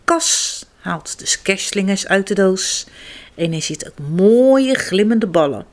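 Slow, lively woman reading a children's story. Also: mid-range voice. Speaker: storybook reader. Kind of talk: reading a children's picture book aloud.

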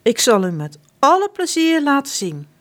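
A woman's voice: high-pitched, big pitch swings, moderate pace, pitched above the performer's own voice. A woman voicing a loyal male outlaw disguised as a baker, sly and plain-spoken.

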